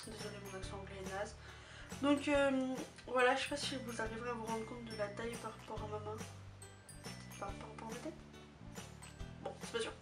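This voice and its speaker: A woman chats through a product review in a slightly high voice, hesitating often between phrases. She sounds set back from the microphone, with music playing clearly underneath. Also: steady tone. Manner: chatty, hesitant, many filler pauses. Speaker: beauty vlogger. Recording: distant mic with music behind.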